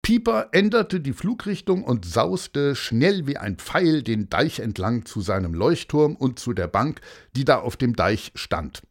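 A man reading a children's story aloud in an expressive storytelling manner. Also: mid-range voice, a little slow. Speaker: narrator.

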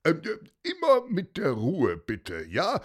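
A man voicing a calm, polite former policeman who soothes a crowd with hesitant fillers. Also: fairly high pitch, slow pace, pitched above the performer's own voice, heavily acted. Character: calm older ex-policeman, kindly mediator.

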